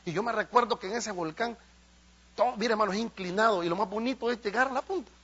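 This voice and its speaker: Male pastor, high-voiced, fervent preacher, muffled church recording. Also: quick pace, a bit bright. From El Salvador. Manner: impassioned, asks the congregation questions. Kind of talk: sermon.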